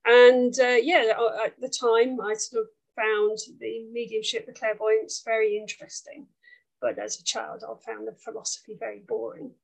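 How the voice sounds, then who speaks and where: A woman with an Essex accent speaks as an interview guest. Her voice sits a little high and stays fairly flat in melody. She tells personal stories in a conversational way. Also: normal speed, gravelly, low-quality recording. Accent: Essex English. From Essex, England. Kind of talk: conversational life story.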